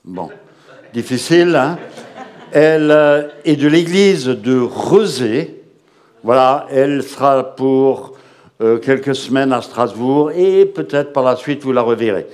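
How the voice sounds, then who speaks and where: Slow, conversational middle-aged man hosting at church. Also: medium pitch, darkish tone. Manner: hesitant, conversational, frequent "hein" tags. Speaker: church host and interpreter. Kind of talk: informal introduction and consecutive interpreting to a congregation.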